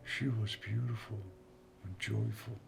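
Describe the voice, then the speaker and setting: Elderly ailing dad for drama: low, creaky voice, affectionate, dreamy, halting. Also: male voice, level tone, faint music behind. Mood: dreamy, wistful. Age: older. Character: frail elderly ailing father, tender and dreamy. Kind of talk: film drama dialogue.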